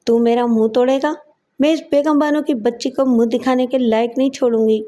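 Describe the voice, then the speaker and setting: A woman's voice: a little high, fairly even intonation, mellow, lightly acted. A woman narrator voicing a hot-tempered, jealous wife who hurls scornful taunts, in an audio story. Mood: furious.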